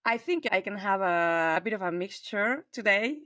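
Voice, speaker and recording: A woman's voice: medium pitch, expressive, normal speed, no echo, studio quality. A woman in her forties from southern Spain with a Spanish accent, a talkative podcast guest chatting over a remote call. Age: 40s. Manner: talkative, warm and expansive, frequent fillers. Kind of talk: conversational interview.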